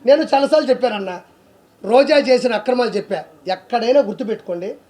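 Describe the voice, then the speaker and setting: A man's voice: extremely high pitch, fast, mellow. A man giving heated political commentary in an aggressive, accusing way, firing off rhetorical questions.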